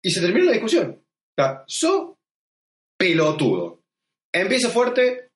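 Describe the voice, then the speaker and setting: A man's voice: very high-pitched, very animated, moderate pace. A young man with an Argentine accent, hosting a casual podcast chat, laughing often and explaining things with emphatic examples. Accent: Argentine Spanish. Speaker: podcast host. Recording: echoey room.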